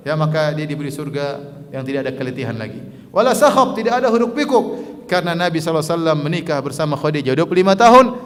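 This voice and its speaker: A man giving a lively sermon, acting out small dialogues and saying "ya" after nearly every phrase. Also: on the high side. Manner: lively, acts out little dialogues, says "ya" constantly. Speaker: preacher. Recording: long hall reverb.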